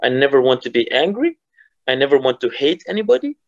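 A man in his twenties, a footballer and guest, talking calmly and reflectively in a casual interview. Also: mid-range voice, quick pace, gravelly, muffled recording. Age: 20s. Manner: calm, reflective, motivational.

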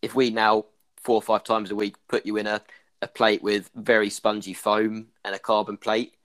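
A man with an Irish accent talks through running injuries as a clinician in a casual podcast discussion. His voice sits fairly low and stays quite flat in pitch. He leans on fillers like "kind of" as he explains. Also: moderate pace.

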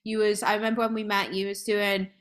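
A woman's voice: medium pitch, little pitch movement, fast talker. A woman hosting a podcast, chatting casually and enthusiastically with a guest, rambling a little. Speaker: podcast host. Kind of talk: casual interview chat.

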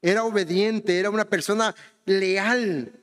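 This Honduran preacher has a high, slightly bright voice with fairly even intonation, speaking a little slowly with a long reverb tail. He keeps things conversational, often asking the congregation "¿verdad?" and saying "hermanos."

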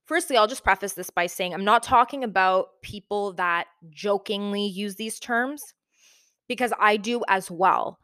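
A woman talks casually to camera in a big, sparsely furnished room, and her voice echoes off the bare walls. She speaks at a middling pitch and keeps it chatty, with plenty of fillers and quick self-corrections. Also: a bit bright. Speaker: video host. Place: large, half-furnished room. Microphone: new microphone.

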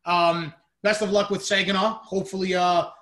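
A man's voice: high-pitched, level tone, moderate pace, a crowd in the background. A man hosting a podcast, chatting casually about sports. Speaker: podcast host.

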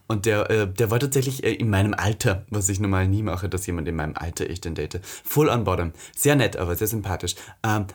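A man with a lowish, husky voice who talks fast. He tells candid, gossipy stories in a relaxed podcast chat with a friend. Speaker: podcast co-host. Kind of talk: casual chat.

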